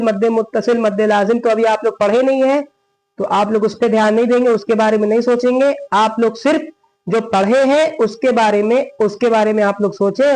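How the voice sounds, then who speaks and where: A man teaching Quran recitation step by step, drawing out each word slowly and then explaining quickly, often correcting with "not like this". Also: sits high, a little mellow, poor audio. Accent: Hindustani.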